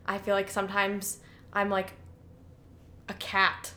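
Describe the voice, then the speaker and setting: Young woman, Chicago accent, podcast co-host, frank casual chat, faint background rumble. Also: monotone, takes it slowly, pushed and bright. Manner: chatty and frank, with "like" and some swearing.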